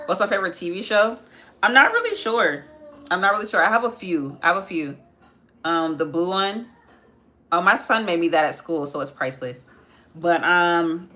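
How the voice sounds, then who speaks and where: A woman in her twenties with a low, sharp-toned voice hosts a live makeup tutorial. Chatty and casual, she answers viewer comments as she works and repeats phrases.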